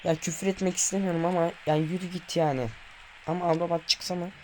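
A man's voice: fairly high pitch, fast, slight background noise. Nervous young man commentating his football match. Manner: tense and excited, calling player names, bursting into goal shouts. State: nervous, trembling hands. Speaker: gamer playing a football video game. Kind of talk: live gameplay commentary to viewers.

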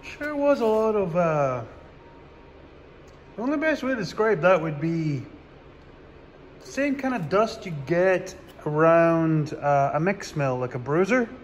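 A man's voice: sits high, expressive, unhurried, long pauses, in a large hall, slight background noise. A man, a farmer doing his own repairs, talking casually through the job in a plainspoken way with dry sarcastic humor, recorded in a farm workshop. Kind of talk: casual how-to vlog narration.

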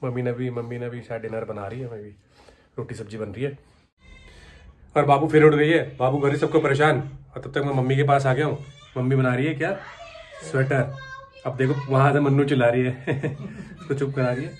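A man's voice: mid-range voice, steady tone, a little fast, long pauses. A man narrating a casual family vlog at home, chatty and doting, talking to his baby in between. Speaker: vlogger. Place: home, indoors.

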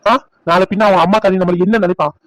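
A man voicing a stern, angry old father in a cartoon family drama, scolding loudly. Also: sits high, steady tone, quick pace, no echo, close to an everyday voice, rough recording. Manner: shouting, scolding. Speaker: voice actor. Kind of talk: cartoon dub acting.

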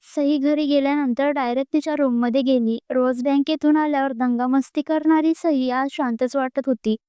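Woman storyteller, steady reading, high smooth voice, dry close sound. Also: moderate pace, dry recording. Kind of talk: scripted story narration.

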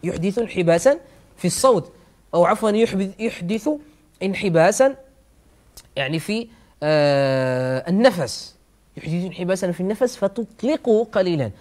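Man slowly demonstrating recitation sounds. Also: high voice, expressive, a little mellow. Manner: slow, repeats words aloud to demonstrate sounds. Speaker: Quran recitation teacher. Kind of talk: explanatory lesson on recitation rules.

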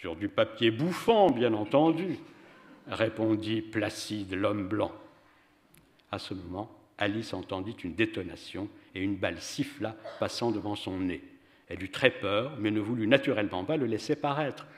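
A man giving a measured, expressive public reading of a story at a literary event. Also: fairly low pitch. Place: venue hall for a public reading. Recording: reverberant hall.

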